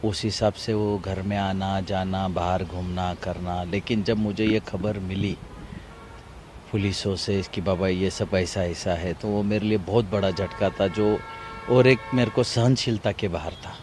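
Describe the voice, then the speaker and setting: Grieving middle-aged man, halting speech. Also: low-pitched, steady tone, darkish tone, a little hiss or hum. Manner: halting, grief-stricken, repetitive. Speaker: grieving father of victim. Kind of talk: emotional TV interview.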